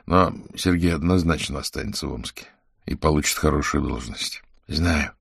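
A man voicing a calm adult sorcerer who speaks gently and patiently. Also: rumbling low, normal speed, vocal fry, husky, dry recording, clean studio sound, heavily acted. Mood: earnest. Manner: soft and reassuring, drops to a hush.

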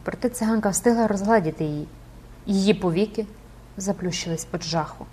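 A woman's voice: medium pitch, a little fast, warm tone, slightly rough. A woman narrating an audiobook dramatically and expressively, rising with the action.

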